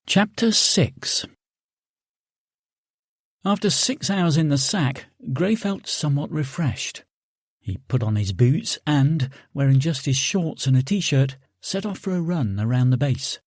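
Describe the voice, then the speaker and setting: A man narrating an audiobook in a calm, steady reading voice, close to the mic. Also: a little high, a little slow, no echo. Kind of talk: scripted narration.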